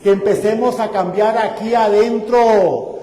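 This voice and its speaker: Male pastor, high voice, fervent sermon, long church reverb. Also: fairly even intonation, unhurried. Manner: fervent preaching, building to loud exclamations. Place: church sanctuary. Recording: echoey church hall.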